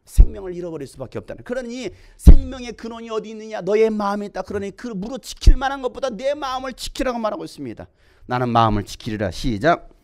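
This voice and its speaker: A man's voice: high voice, expressive, quick pace, hardly any pauses. A middle-aged man, a pastor preaching a sermon emphatically, full of rhetorical questions.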